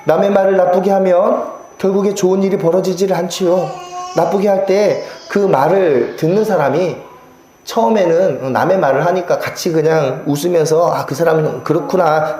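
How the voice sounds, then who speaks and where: A male pastor giving a Sunday sermon, reading scripture aloud and acting out quoted remarks in a lowered voice. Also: moderate pace, warm tone, echoey room, a little hiss or hum.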